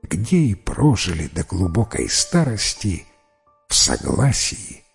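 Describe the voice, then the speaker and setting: A man narrating a fairy tale in a measured, expressive storytelling manner. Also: low voice, creaky, breathy edge, faint music behind.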